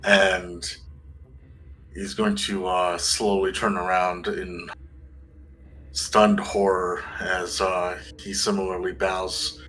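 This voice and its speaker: Man, tabletop player, slow flat delivery, lowish voice. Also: poor audio. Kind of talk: tabletop role-play narration.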